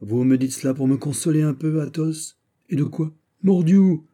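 A man voicing a proud, witty Gascon musketeer, animated and wry, in an audiobook reading. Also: a little high, normal speed, voice pushed up, lightly acted. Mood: wry, bitter.

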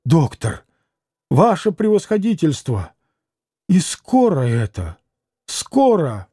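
A poor army captain who pleads in desperation, read by a man. The voice sits high and mellow, and the recording is dry. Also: wildly swooping pitch, slow, slightly rough, no room sound, heavily acted. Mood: pleading.

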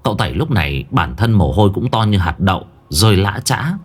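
A man's voice: low-pitched, sing-song, brisk, breathy edge, soft background music. Man narrating a horror story. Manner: dramatic, suspenseful delivery.

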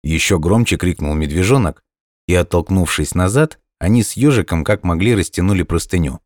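A man narrating a children's story audiobook in a calm, unhurried way. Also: low voice, no echo, studio quality.

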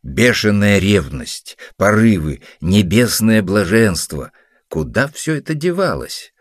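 A man's voice: fairly low pitch, very animated, slow, no echo, clean studio sound, voice pushed up, heavily acted. A man doing a mocking middle-aged uncle. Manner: mocking, blustering.

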